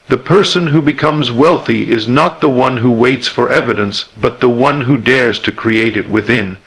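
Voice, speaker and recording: A motivational speaker with a husky, slightly rough, medium-pitched voice delivers a scripted speech. He sounds solemn and emphatic, leaning on measured rhetorical phrases. The recording is a bit bright and rough.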